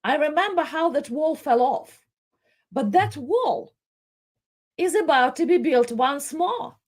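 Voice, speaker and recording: A middle-aged woman from the Soviet Union presenting live commentary, speaking with emotion and pausing and repeating words as she goes. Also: high voice, lively intonation.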